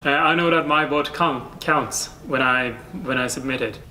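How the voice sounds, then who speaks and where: Bright-voiced young man. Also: mid-range voice, normal speed. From Norway. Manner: hesitant, with "uh" and restarts. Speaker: student teacher. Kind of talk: interview answers. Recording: mic at a distance, faint background hiss.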